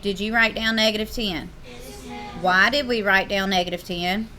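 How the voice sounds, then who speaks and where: A woman's voice: mid-range voice, steady tone, moderate pace, sharp tone, a little hiss or hum. A woman teacher, leading a classroom math lesson and playfully teasing her students.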